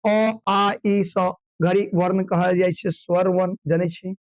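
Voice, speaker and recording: A man teaching an online exam revision class, firing quick questions and answering them himself, sometimes scolding. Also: sits high, level tone, no room sound, low-quality recording. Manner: drilling call-and-response questions, brisk and scolding.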